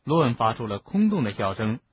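A man narrating an audiobook in a low, even voice. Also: a little fast, a little hiss or hum. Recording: narrow phone-like lo-fi sound.

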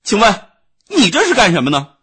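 A man voicing a hot-tempered boy who has become an ant, arguing loudly and in exasperation in a storybook reading. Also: sits high, wildly swooping pitch, a little fast, husky, pitched above the performer's own voice, heavily acted. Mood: furious. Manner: blustering, loud and exasperated.

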